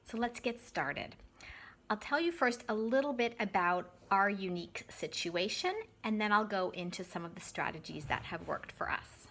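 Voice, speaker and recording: A Canadian woman in her thirties, a YouTube vlogger and English teacher, talks casually to camera in a mid-range, fairly bright voice at normal speed. Chatty and friendly, she addresses her viewers directly and corrects her own word choices as she goes.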